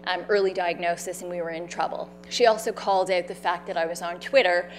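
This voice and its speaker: Her voice runs on the low side and fairly quick as she stands on an event stage relating her own experiences, loud and animated, using fillers and quoting what people said while acting them out. Slight background noise is present.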